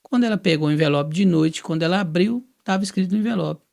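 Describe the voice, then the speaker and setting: A man from Brazil shares his personal testimony in a casual storytelling style, his voice sitting high, gravelly, and quick. He's a lively storyteller who acts out the dialogue he quotes.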